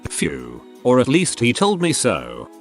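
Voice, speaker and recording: Low, lively man reading stories aloud. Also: moderate pace, soft background music. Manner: steady read-aloud storytelling. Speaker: narrator.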